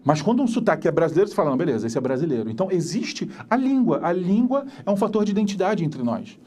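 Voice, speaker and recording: Lively Carioca man teaching geography. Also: sits high, fast. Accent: Carioca Brazilian Portuguese. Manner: lively, conversational, asks rhetorical questions. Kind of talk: recorded lecture.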